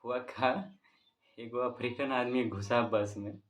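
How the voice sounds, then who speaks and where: A man's voice: medium pitch, steady tone, a little slow. A man teacher with a Bihari accent tells his class a joke in a playful, casual way and keeps breaking into laughter. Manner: speaks to students directly.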